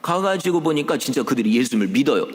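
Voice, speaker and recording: A man preaching a Sunday sermon as pastor, animated and full of rhetorical questions, acting out quoted voices. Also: medium pitch, fast talker. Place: church sanctuary. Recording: long church hall reverb.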